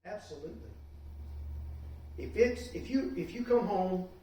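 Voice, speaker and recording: A middle-aged man, teaching a church class in a lively, joking way and prodding the class with questions. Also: high voice, a little slow. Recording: echoey room, distant mic, faint hiss.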